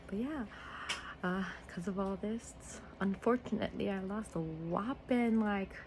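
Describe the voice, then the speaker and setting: Young woman vlogger, low gravelly voice, soft and near-whispered delivery, noisy home recording. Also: a little slow. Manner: soft, low-key, filler-heavy, sometimes near a whisper. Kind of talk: casual vlog narration.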